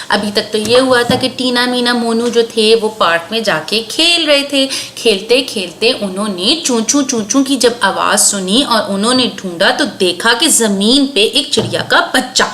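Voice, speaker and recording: A woman telling a story to children at a slow, animated pace, with drawn-out sound words. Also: a little high. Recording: echoey room, faint background noise.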